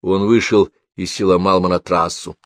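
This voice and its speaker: A man narrating a literary story aloud in an expressive reading voice. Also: low voice, normal speed, no room sound, clean studio sound. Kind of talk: audiobook narration.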